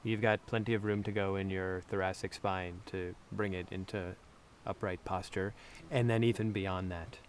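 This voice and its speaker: A man with a lowish voice talks through anatomy in an easy interview chat. He explains step by step, pausing with fillers as he thinks aloud. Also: steady tone, a little hiss or hum. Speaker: anatomy teacher answering questions. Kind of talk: conversational interview.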